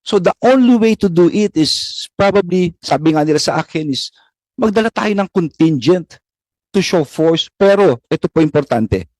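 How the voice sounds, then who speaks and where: Isang lalaking opisyal ng gobyerno na mahinahon at mapagpakumbabang nagpapaliwanag sa isang pagdinig. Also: male voice, sits high, lively intonation, a little mellow, no room sound. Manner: measured, conciliatory, explaining. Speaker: government official answering questions. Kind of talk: formal hearing testimony. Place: hearing room.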